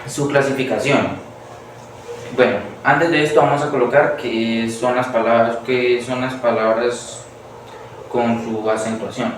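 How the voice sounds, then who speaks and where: Hesitant slow teen boy, echoey room. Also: medium pitch, steady tone. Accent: Colombian Spanish. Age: teenager. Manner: hesitant, many restarts and fillers. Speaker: student presenter. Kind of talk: school class presentation. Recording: echoey room from far off, faint hiss.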